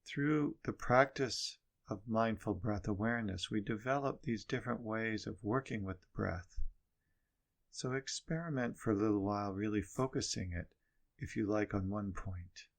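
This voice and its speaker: A man teaching meditation, giving guided instruction in short, measured phrases with pauses. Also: on the low side, vocal fry.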